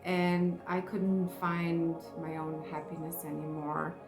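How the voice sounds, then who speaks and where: Low-voiced Serbian-accented woman sharing her story. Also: monotone, a little mellow. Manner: halting, searching for words in a second language. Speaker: face yoga vlogger. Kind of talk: personal testimony vlog. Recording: echoey room with music behind.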